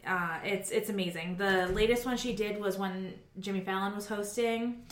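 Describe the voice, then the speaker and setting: A woman's voice: medium pitch, steady tone, moderate pace. A woman in her forties from New England, chatting casually and rambling through a story with lots of fillers. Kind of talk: casual chat. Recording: echoey room.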